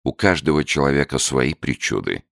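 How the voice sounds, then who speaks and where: A man narrating an audiobook in a measured, expressive reading. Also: extremely low pitch, vocal fry, dry recording, clean studio sound.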